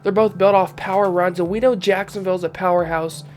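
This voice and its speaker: A man's voice: high voice, fairly quick, faint music behind. A young man with a congested voice, casually commenting while he reviews season stats in a football video game. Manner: relaxed, thinking aloud while reviewing stats. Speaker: gaming YouTuber.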